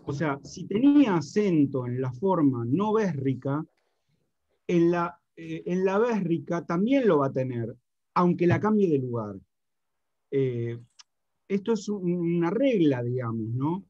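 A man's voice: fairly high pitch, very animated, measured pace, dark tone, no room sound. A man co-teaching a class, adding a clarification with some hesitation. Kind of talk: online lecture. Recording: dry, muffled audio.

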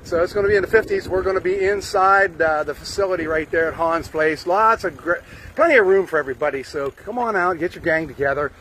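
An older musician vlogger with a high, fast, somewhat bright voice records himself on a phone camera held close while riding a bike on a sunny street. The rough recording picks up faint wind as he gives an upbeat, casual update full of fillers.

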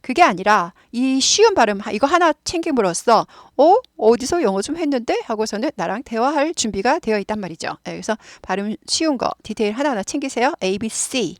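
A woman's voice: on the high side, lively intonation, a little fast, few pauses, no room sound, studio quality. A middle-aged woman teaching an English lesson, patiently repeating each word for students to copy. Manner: patient, repeats words for drilling.

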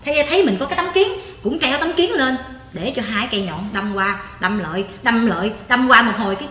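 A woman's voice: a little high, expressive, fairly quick, fairly bright tone. A woman with a Southern Vietnamese accent playing a whiny, gossipy grown daughter in a live stage comedy sketch, teasing and complaining. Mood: whining. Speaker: comic stage actor. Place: large theater stage. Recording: echoey stage with background noise.

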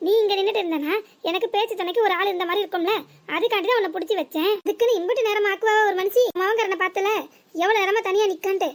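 A woman's voice: extremely high pitch, racing. A woman voicing a bossy, nosy elderly mother-in-law in a cartoon, with a scolding, teasing manner. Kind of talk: animated cartoon voice acting.

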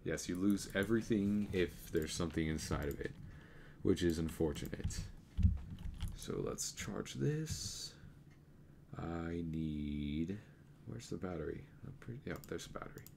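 Guy with a super deep voice talking thru his game, rambly, keyboard clacking in the background. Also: expressive, unhurried, creaky, background noise. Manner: rambling, self-correcting, thinking aloud. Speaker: let's play gamer. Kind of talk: casual gameplay commentary. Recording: keyboard clicks and typing audible. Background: computer keyboard clicking.

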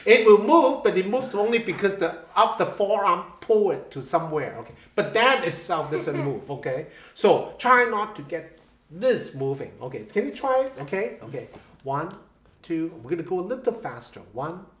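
A man's voice: sits high, big pitch swings, normal speed. A man teaching a one-on-one piano lesson, patient, checking in with "okay?" and counting beats aloud. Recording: roomy echo with faint piano.

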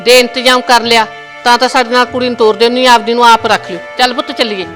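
A woman's voice: a little high, level tone, fast, a bit bright, faint music behind, lightly acted. A woman playing a greedy middle-aged mother of the groom, blunt and haughty. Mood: demanding.

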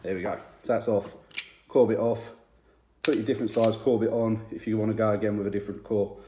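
A man's voice: lowish voice, fairly even intonation, fairly quick, echoey room, noisy background. A man in his thirties, a tradesman, giving a casual, plain-spoken review to camera with many ums, recorded on a phone in a small indoor room.

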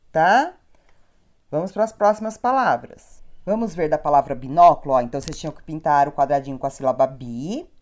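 A woman with a warm, mellow and slightly low voice teaches young children in a recorded lesson. She spells out words slowly, stretching each syllable, and offers gentle praise. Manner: slow syllable-by-syllable enunciation, encouraging. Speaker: primary school teacher.

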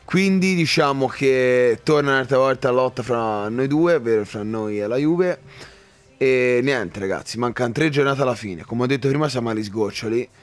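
A man commentating his own football game, excitable, shouting at chances and swearing at misses. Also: mid-range voice, moderate pace, no room sound. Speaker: gaming YouTuber.

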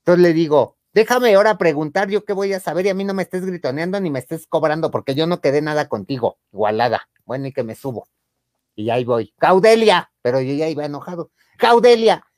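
Campy mexican guy telling a funny story, does high voices for the ladies he quotes, dry close mic. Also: quick pace, darkish tone, dry recording. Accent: Mexican Spanish. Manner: campy, theatrical, jumps to higher pitch to act out quoted women; laughs often mid-story. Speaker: storyteller on a chat show. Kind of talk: comic anecdote telling.

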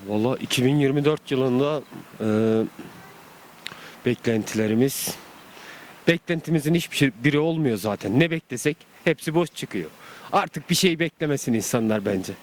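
A man with an average-pitched voice speaks in a resigned, cynical way. He is answering casually in a street interview with faint noise around. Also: expressive, moderate pace.

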